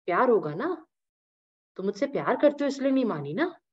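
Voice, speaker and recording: A woman teaching a scripture class, retelling the story in an animated way with English asides, in a dull lo-fi recording. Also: a little high, normal speed, breathy edge.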